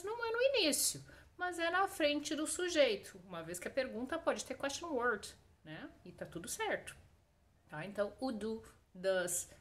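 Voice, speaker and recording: A woman teaches English in a recorded online lesson. Her voice sits a little high, and she repeats example sentences slowly with emphasis. She checks in often with short tag questions.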